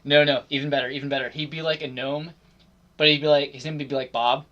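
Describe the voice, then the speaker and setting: Guy cohosting a gaming podcast, rambly, says like a lot, keeps clearing his throat. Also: on the high side, little pitch movement, quick pace, fairly bright tone, muffled recording. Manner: rambling, lots of "like" fillers, frequent throat clearing. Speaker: podcast co-host. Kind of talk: casual gaming podcast chat.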